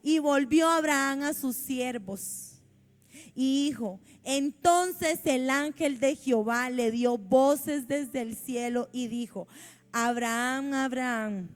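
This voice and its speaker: A woman's voice: high voice, slow pace. A woman with a Costa Rican accent preaching a sermon in a church, reading scripture aloud and commenting on it fervently.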